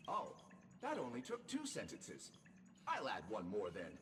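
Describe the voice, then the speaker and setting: A man's voice: mid-range voice, huge pitch swings, a little slow, a bit bright, big-room sound, slight background noise. A man voicing a polite robot drink-serving attendant in a game, courteous and formal with a dry wit. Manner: courteous, formal, dryly witty. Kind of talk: game character dialogue.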